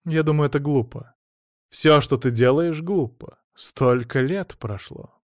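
A man's voice: fairly high pitch, measured pace, a little mellow, no room sound, studio quality, natural voice. A male reader voicing a reserved older woman who answers in a weary, firm way. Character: reserved older woman, a maternity ward worker.

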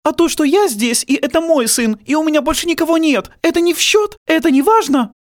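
Guy doing a screechy high mom, furious and tearful, yelling, swings all over the place. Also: expressive, fairly quick. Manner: shrieking, tearful accusations. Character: distraught furious mother, woman, middle-aged. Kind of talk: audiobook character voice.

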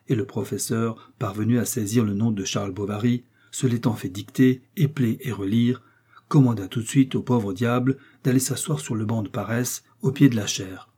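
Male audiobook narrator, mid pitch, dark and husky, measured literary reading. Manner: measured, even storytelling delivery.

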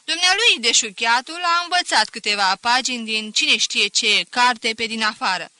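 A woman's voice: a little high, sharp tone, dry recording. A woman voicing a scornful, mocking older male schoolteacher who talks with sarcastic chuckles in an audiobook. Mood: sneering.

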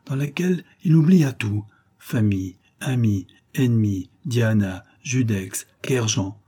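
A man reads a classic novel aloud in an expressive, dramatic audiobook narration. His voice sits low, with a dark, mellow warmth and a husky grain. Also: slow pace.

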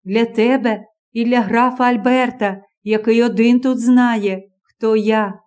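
A woman reading the part of a gentle, patient young woman in an audiobook, calm and coaxing. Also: on the high side, a little slow, natural voice.

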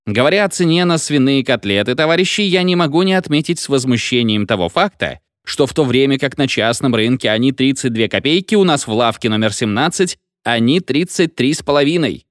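A man's voice: medium pitch, expressive, brisk, hardly any pauses, dry recording, studio quality, close to an everyday voice. A man doing a droning, flustered meeting speaker. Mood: indignant. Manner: mechanical droning, repeats himself.

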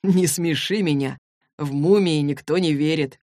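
A woman's voice: no room sound, clean studio sound. A woman reading a cool, unflappable young man. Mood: cool, unbothered. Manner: calm, slow, slightly lowered delivery. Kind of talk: audiobook character voice.

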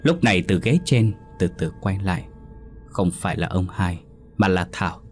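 A man narrating a horror story in a measured, dramatic way. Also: sits low, darkish tone, faint music behind.

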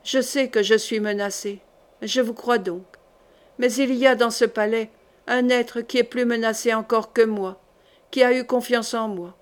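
A devoted young woman speaks softly and gently in this storybook-style reading, voiced by a woman narrator. Her voice is fairly high and tender. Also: fairly even intonation, unhurried, smooth, close to an everyday voice. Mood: gentle.

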